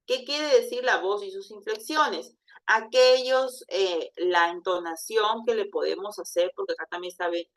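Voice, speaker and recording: A woman teaching an exam prep lesson, lively and demonstrative, often checking in with "¿ya?". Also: medium pitch.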